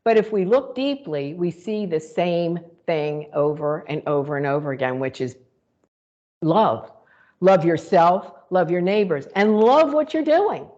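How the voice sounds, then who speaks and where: A woman's voice: on the low side, lively intonation, a little slow, darkish tone, lo-fi sound. A woman co-hosting a spiritual talk show, reflecting aloud in a rambling way with many fillers and restarts. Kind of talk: casual spiritual conversation.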